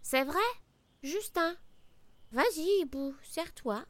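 A woman voicing a small, naive, generous gingerbread man in a storybook reading, sounding bright and innocent. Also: sits high, animated, takes it slowly, background noise, voice pushed up. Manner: bright, innocent, eager to please.

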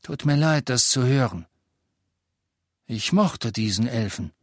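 Gruff older male innkeeper wizard, bellowing, defiant. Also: medium pitch, animated, slow pace, no echo, clean studio sound, pitched above the performer's own voice. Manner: bellowing, scornful.

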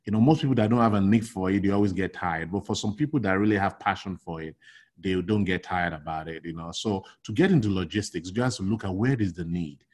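Low-pitched and slightly rough, this fast-talking middle-aged Nigerian man is a logistics consultant in a casual interview. He speaks animatedly, frequently starting over and saying "you know."

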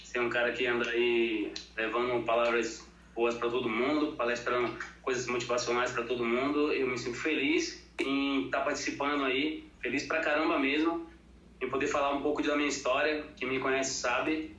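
A man from Bahia, Brazil, appears as an interview guest and fitness professional, chatting casually in a plain-spoken, colloquial way. His mid-range voice is fairly bright, with flat delivery at a normal speed. The recording is dull and lo-fi, made in an echoey room.

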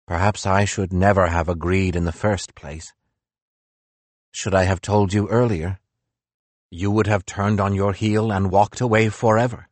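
A man voicing a careful male physician who speaks softly and slowly. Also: low voice, steady tone, dry recording. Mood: gentle. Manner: soft and slow, gentle.

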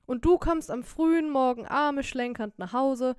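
A woman voicing a young, poor, quick-witted wife in an audiobook, scolding loudly and lamenting theatrically. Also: on the high side, clean tone, dry recording, clean studio sound, close to an everyday voice. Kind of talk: audiobook character voice.

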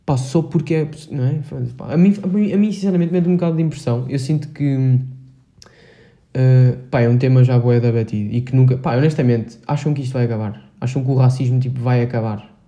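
A man's voice: mid-range voice, a little fast, mellow. A teenage boy with a Portugal Portuguese accent, hosting a solo podcast in a rambling, hesitant way, full of filler words and slang. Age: teens. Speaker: podcast host. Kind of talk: casual solo podcast monologue.

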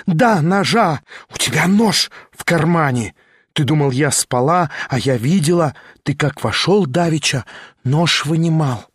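A high, mocking voice of a half-mad woman, put on by a male audiobook reader, taunting in a singsong lilt. The sound is close and dry, with no room around it. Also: expressive, unhurried, husky, dry recording. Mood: frenzied. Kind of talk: audiobook reading.

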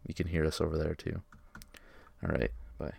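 Brief: young man, low gravelly voice, dry close mic, excitable podcast host who jokes and swears. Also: moderate pace, dry recording. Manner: excitable, joking, swears freely. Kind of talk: casual argumentative chat.

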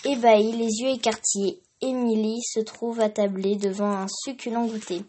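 A woman reading a children's storybook aloud in a steady, expressive way. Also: a little high, normal speed, a little hiss or hum.

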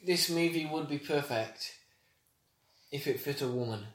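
A man's voice: fairly high pitch, measured pace, fairly bright tone, a little hiss or hum. A man co-hosting a podcast, chatting casually and teasing his friend. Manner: teasing, jokey. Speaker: podcast co-host. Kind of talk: casual chat. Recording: roomy echo.

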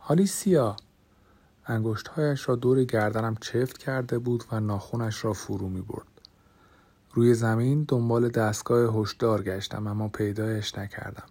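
A man narrating a first-person audiobook in a measured, dramatic way, sometimes dropping to a hush. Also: on the low side, fairly even intonation.

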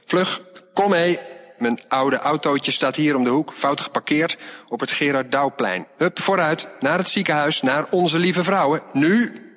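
A man playing a scruffy street-corner Santa busker who talks loud, bossy and in street slang. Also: a little high, a little fast, big-room sound, pitched above the performer's own voice, lightly acted. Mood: urgent.

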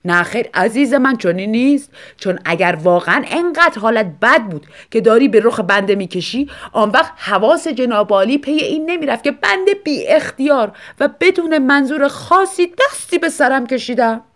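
A woman's voice: a little high, animated, lightly acted. A grumbling, sarcastic old grandfather, as a woman narrator puts him on. He answers with prickly indignation in this audiobook story. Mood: indignant. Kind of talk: audiobook reading.

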